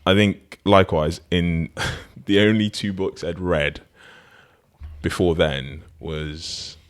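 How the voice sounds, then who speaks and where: A man with a very low voice, chatting casually as a podcast host. He rambles and restarts his sentences, laughing often as he talks. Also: steady tone, slow, clear, resonant tone. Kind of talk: casual conversation.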